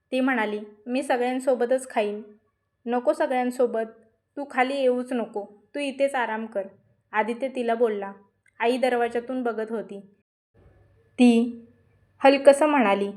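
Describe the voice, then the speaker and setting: A woman tells a heartfelt story in a soft, emotional narrating voice. Her pitch sits a little high, and she reads the dialogue gently within the flow of the narration.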